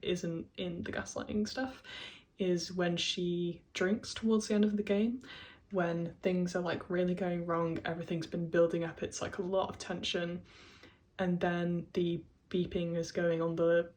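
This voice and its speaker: Woman, casual video essayist; chatty, filler-heavy, laughs often, voice a touch low. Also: flat delivery, a little slow, darkish tone.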